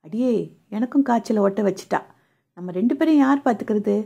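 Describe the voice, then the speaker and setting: A woman's voice: fairly high pitch, lively intonation, gravelly, dark tone, highs cut off. A woman voicing a caring but hot-tempered young man in an audio novel, scolding and firm. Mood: grumbling. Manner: scolding, quick to anger.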